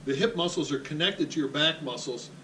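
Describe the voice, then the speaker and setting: This man, a physical therapist, walks someone through exercises in an upbeat, straightforward and joking way. His voice is on the high side, brisk, pushed and bright, with a bit of hiss or hum on the recording. He is heard from a distance in an echoey room.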